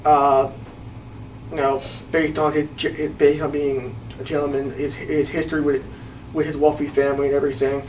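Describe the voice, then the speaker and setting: Agreeable man, slightly high, off-mic. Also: little pitch movement, normal speed, darkish tone. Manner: agreeable, frequent short affirmations. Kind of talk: casual chat about films. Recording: distant mic with faint ambient noise.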